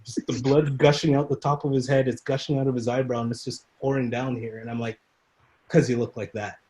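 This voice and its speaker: Animated man telling fight stories. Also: mid-range voice, brisk. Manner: animated storyteller who acts out quoted people and laughs often. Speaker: Muay Thai instructor, podcast guest. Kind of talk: casual storytelling in a podcast interview.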